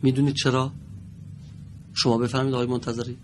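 A man teaching a reading lesson in a broadcast studio. He explains patiently and draws out each example word slowly. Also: mid-range voice, level tone, darkish tone, slight background noise. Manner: patient, deliberate explaining with drawn-out example words. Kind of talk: televised classroom lesson.

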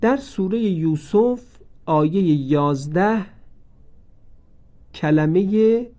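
A man's voice: high voice, lively intonation, dark tone. A man teaching the rules of Quran recitation in a recorded lesson, explaining each rule step by step and repeating every example so listeners can practise.

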